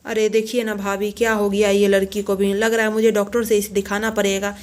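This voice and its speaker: A woman's voice: mid-range voice, little pitch movement, a little fast, lightly acted. A woman voicing a harried young village mother fretting over her crying baby. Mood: fretful. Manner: fretful, loud.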